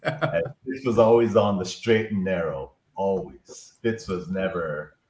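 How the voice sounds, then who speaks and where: Deep-voiced man telling an old story. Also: measured pace, reverberant. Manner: reminiscing, tells a story with warm praise. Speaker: guest. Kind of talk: casual chat.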